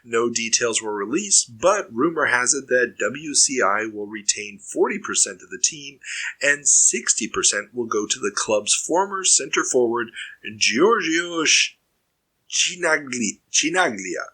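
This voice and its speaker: Male podcast host, bright forward tone, reads headlines then riffs casually. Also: mid-range voice, expressive, normal speed, rough recording. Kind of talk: reading news items and chatting.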